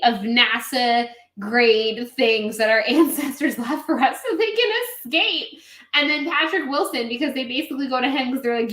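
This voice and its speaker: A tipsy woman in a casual movie review chat, rambling and animated, swearing and drawing words out. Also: sits high. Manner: tipsy, drawn-out, rambling delivery. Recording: roomy echo.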